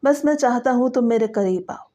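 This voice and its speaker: A woman voicing a predatory middle-aged stepfather who speaks softly and coaxingly, then threatens, in a dramatic story reading. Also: fairly high pitch, muffled recording, close to an everyday voice. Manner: soft coaxing voice that turns to threats.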